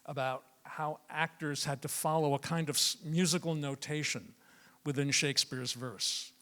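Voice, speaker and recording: A man hosts a panel discussion, setting up questions for the guests in a steady, measured tone. His voice sits a little higher than most men's. A long reverb fills the hall around him. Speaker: moderator. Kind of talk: hosting a panel conversation.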